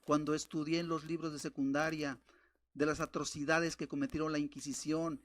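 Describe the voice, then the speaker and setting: A man preaching a sermon, reading scripture aloud and addressing the listener directly, swinging from loud exhortation to hushed warnings. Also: on the high side, little pitch movement, brisk.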